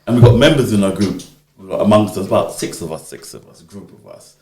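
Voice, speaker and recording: A man's voice: lowish voice, a little fast. A man in his fifties from the UK, telling stories in an interview and acting out the voices of the people he quotes. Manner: animated, acts out quoted speech. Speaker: interviewee, community organiser. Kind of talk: conversational storytelling. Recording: echoey room.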